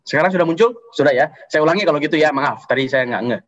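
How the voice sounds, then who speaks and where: Man, youth preacher, raised pitch, husky, casual sermon style, muffled stream audio. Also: quick pace. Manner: lively, conversational, repeats key points. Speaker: youth pastor. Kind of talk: online sermon.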